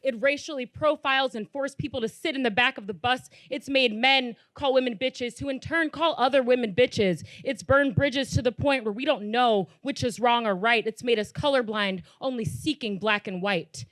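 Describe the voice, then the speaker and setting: A woman's voice: on the high side, normal speed, few pauses, fairly bright tone, no echo, poor audio. Woman reciting a pointed spoken word poem. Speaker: performer.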